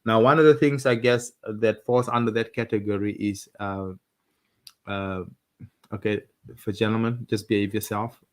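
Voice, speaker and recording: Halting, chuckling man co-hosting. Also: fairly low pitch, fairly even intonation. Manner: halting, many restarts, chuckling. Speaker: co-host of a couple's live talk. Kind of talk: casual live chat.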